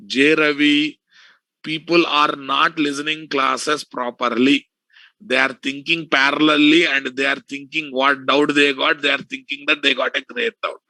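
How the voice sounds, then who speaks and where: Bright-voiced man with a Telugu accent, teaching. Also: fairly high pitch, dry recording, rough recording. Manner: repetitive, checking often for understanding. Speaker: software instructor teaching an online class. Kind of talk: informal lecture to students.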